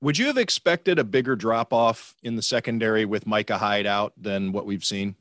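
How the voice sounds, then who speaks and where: A man's voice: lowish voice, moderate pace, fairly bright tone, dry recording. Dry-sounding man hosting casual sports chat. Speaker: interviewer, sports show host.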